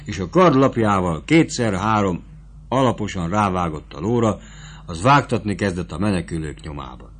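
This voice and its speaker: A man reading a classic novel aloud as audiobook narrator, in a steady, measured way. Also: low voice, slight background noise. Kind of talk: scripted narration.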